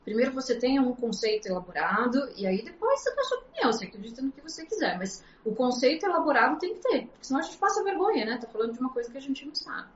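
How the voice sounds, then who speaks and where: A woman's voice: sits high, sing-song, very fast, few pauses. A woman in a casual interview, earnestly explaining things at a shifting pace. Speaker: astrologer guest. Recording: echoey, dull lo-fi sound.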